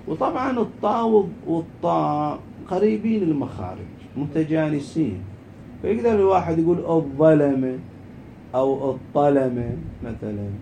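A man giving an informal grammar lesson, stretching out key words slowly and then rushing through quick asides. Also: medium pitch, warm tone, slight background noise. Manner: slow and emphatic on rule words, quick asides. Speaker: Arabic grammar teacher.

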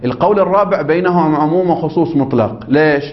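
Fast-talking man teaching a class. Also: fairly high pitch. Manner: quizzes listeners with prompting questions, checks understanding. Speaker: religious law teacher. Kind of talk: seminary lecture, reading and explaining a text. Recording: dull lo-fi recording.

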